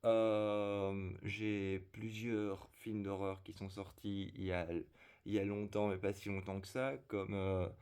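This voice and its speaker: Man with a low, ailing zombie-like voice. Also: completely flat delivery, darkish tone, clean tone. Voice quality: strained, unwell zombie-like voice, not his usual one. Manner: halting, apologetic, hesitant, searching for words. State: ailing voice from a lung problem. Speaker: video creator and fanfiction writer presenting to camera. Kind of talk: casual vlog chat.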